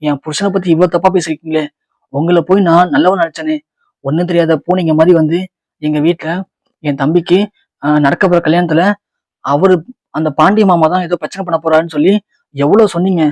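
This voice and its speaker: A man's voice: fairly high pitch, fairly even intonation, fairly quick, long pauses, darkish tone, dry recording, lightly acted. A man voicing a loyal young wife, indignant and insistent. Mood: scornful. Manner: pleading, then scornful.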